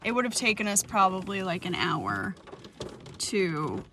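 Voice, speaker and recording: A woman's voice: mid-range voice, very animated, unhurried, a bit bright. A young woman chatting casually and laughing often as a vlogger at a rainy campsite. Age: young adult. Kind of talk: casual vlog chat. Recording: noisy outdoor campsite recording. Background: rain and outdoor ambience.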